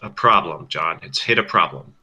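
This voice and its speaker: A man's voice: low-pitched, lively intonation, normal speed, sharp tone, dull audio. A man in casual chat while playing a game with his brother, wry and talking through what he is doing.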